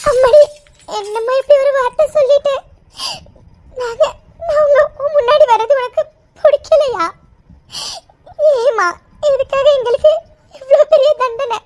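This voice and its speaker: A grieving middle-aged mother in a cartoon begs through tears in a very high voice, as a performer puts her on. She stammers and repeats her words. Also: moderate pace, long pauses, a little mellow. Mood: grieving, begging. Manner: sobbing, begging, stammering. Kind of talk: cartoon voice acting.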